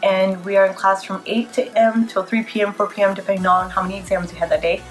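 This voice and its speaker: With soft background music behind her, a PA student and vlogger in her twenties talks casually to camera, tired and stuffed up from a cold. She speaks quickly at a medium pitch with little pitch movement.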